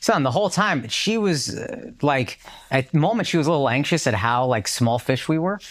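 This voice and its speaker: A man's voice: a little high, normal speed. A man on a podcast, casually telling a story with lots of swearing and acted-out quotes. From United States. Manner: animated storyteller, swears freely, acts out quotes. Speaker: podcast co-host.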